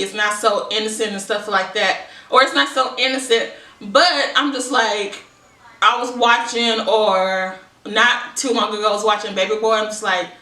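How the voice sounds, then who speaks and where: A young woman talks casually to her viewers in a bright, forward voice. She rambles and thinks aloud in a conversational way. The sound is echoey, picked up at some distance from the mic in a room. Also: on the high side. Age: young adult. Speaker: vlogger. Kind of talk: casual chit-chat monologue.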